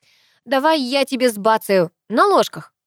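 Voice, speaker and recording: Female reader plays a sassy, mocking kid sister, lively and high, storybook audio. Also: unhurried, dry recording, clean studio sound. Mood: teasing. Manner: sassy, teasing. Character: cheeky teenage girl, the narrator's younger sister.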